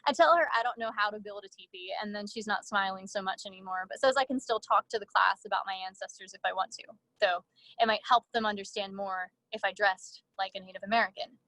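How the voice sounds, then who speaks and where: Woman author, mid pitch, measured literary reading with casual asides, dry close recording. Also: sharp tone, no echo. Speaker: author reading her own fiction.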